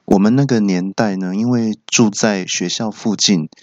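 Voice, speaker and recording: A man from Taiwan, hosting a comedy podcast and telling self-mocking stories in a deadpan way. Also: fairly low pitch, normal speed, dry recording, highs cut off. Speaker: podcast host. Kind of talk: comedy monologue.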